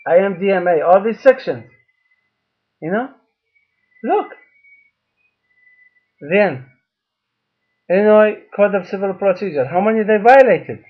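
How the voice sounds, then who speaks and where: Guy with a really high voice, slow and halting, keeps repeating himself, dull lo-fi sound. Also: expressive. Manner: emphatic and repetitive, halting phrases, holds up documents. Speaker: father making a video appeal. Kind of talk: personal video appeal to camera.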